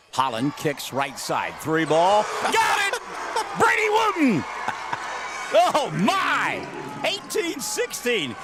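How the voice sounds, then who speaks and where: A man calling a high school basketball game on the radio, jokey and excitable, yelling on big plays. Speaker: play-by-play announcer. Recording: gym crowd noise behind.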